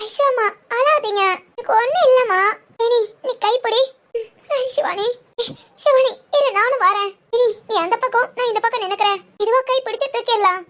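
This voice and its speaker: Very high-voiced woman voicing characters. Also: brisk, fairly bright tone. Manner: emotional, fussing, with cries of alarm. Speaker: voice artist for a family drama. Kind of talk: voicing every character in a doll-video village drama.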